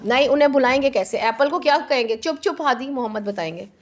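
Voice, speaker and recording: A woman teacher giving a classroom lesson, drawing out words slowly and slipping into quick Hindi asides, prompting and repeating answers. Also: sits high, a little hiss or hum. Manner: slow, drawn-out English and quick Hindi asides.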